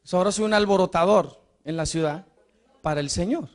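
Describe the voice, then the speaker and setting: A man preaching a sermon with passion, firing repeated questions at the congregation and swinging between shouts and hushed asides. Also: sits high, a little fast.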